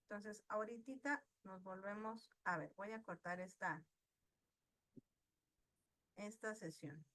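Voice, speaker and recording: A woman's voice: mid-range voice, slow pace, long pauses, a bit bright. A woman teaching an online class, patiently asking her students questions and praising their answers. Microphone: video call.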